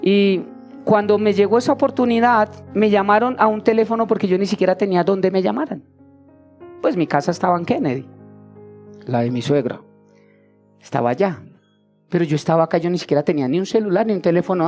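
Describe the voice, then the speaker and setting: Animated pastor in his forties. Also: high-pitched, fairly quick. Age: 40s. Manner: animated storytelling, acting out quoted voices. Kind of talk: sermon. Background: faint instrumental music.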